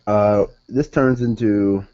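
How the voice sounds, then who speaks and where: A man's voice: lowish voice, fairly even intonation, takes it slowly, dark tone, highs cut off. A young man reviewing a wrestling show in casual solo talk, rambling, correcting himself and sounding exasperated.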